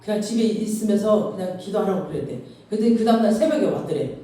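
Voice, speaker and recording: Woman pastor, sermon, storytelling, acts out voices, mellow dark tone, heavy hall echo, distant mic. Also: medium pitch, animated, fast. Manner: storytelling, acts out quoted voices, informal asides. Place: church sanctuary. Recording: very echoey hall, far from mic.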